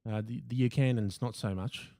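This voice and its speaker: A man's voice: medium pitch, steady tone, a little fast, dark tone, no room sound. An Australian man hosting a podcast, chatting in a mock-serious, teasing way over a call from home. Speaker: podcast host. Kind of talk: casual comedic chat.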